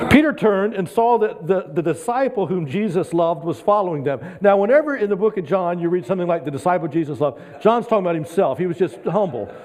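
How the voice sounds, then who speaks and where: Chatty male guest preacher in a church hall. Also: fairly high pitch. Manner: conversational, chuckling, animated when quoting Peter. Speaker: guest pastor. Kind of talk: sermon. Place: church sanctuary. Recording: long reverb in a church hall.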